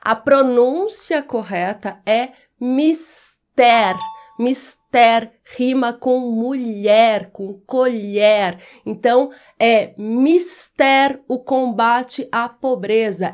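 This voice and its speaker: A woman teaching Portuguese pronunciation in a video lesson, speaking clearly and quizzing the viewer. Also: a little high.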